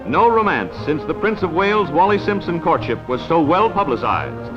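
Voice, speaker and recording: A man's voice in old newsreel style, pitched high and swooping lively through each line, with an emphatic announcer delivery. The dull, lo-fi archival sound sits under a loud music score. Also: normal speed. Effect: old newsreel narration. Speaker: newsreel narrator. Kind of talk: 1940s newsreel narration.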